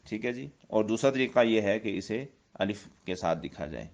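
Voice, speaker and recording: A man's voice: on the low side, lively intonation, lo-fi sound. A man with a Pakistani Urdu accent giving a religious lesson on Quranic script, explaining step by step, repeating points and reciting Arabic verses. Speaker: Quran teacher.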